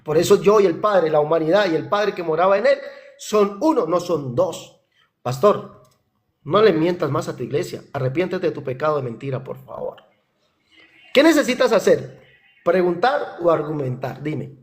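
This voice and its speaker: A man's voice: high-pitched, sing-song, normal speed. A man in a heated religious debate who quotes scripture, repeats his points and accuses the other side. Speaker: debater challenging a pastor.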